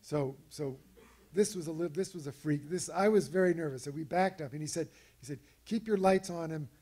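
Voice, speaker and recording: A man giving an illustrated talk about an expedition, telling stories over his slides in a relaxed way with frequent fillers and restarts. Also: a little high, a little fast, husky. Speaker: speaker presenting slides of an expedition.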